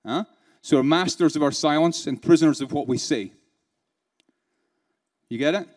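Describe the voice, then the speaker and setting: A man gives a conference keynote to a live audience in the hall, his voice on the high side and a little mellow, at normal speed. Playfully engaging the crowd, he peppers them with rhetorical questions and chuckles between his points.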